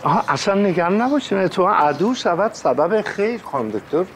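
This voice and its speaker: A gushing, high-voiced excitable man. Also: a little hiss or hum. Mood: eager. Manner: chatty, excitable. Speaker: client at a lawyer's office. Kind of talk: comic screen acting.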